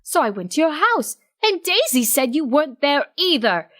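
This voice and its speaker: For an audio story, a woman voices a young female cartoon pony who is a musician, sounding high-pitched, fussing and exasperated. Very animated, at normal speed with a fairly bright tone, she insists on her point and scolds like a worried friend, full of angry worry.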